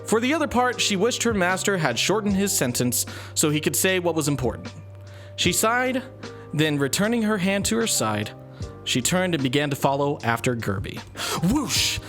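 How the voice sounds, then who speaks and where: A man's voice: high voice, sing-song, normal speed, fairly bright tone, soft background music. A man hosting and narrating a comedic story reading, playful and laughing at his own writing.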